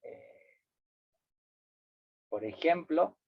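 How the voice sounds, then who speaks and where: A man's voice: fairly high pitch, expressive, extremely slow, creaky, no room sound. Man lecturing over a tinny line. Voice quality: tag questions to the audience, repeats words for emphasis. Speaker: workshop instructor. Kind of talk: lecturing to a workshop. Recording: dry, tinny phone-like line.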